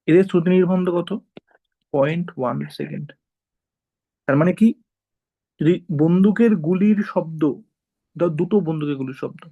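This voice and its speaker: Gravelly, slightly high male teacher. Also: warm tone, low-quality recording. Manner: explains step by step, often checks with "ঠিক আছে?". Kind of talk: informal classroom lecture.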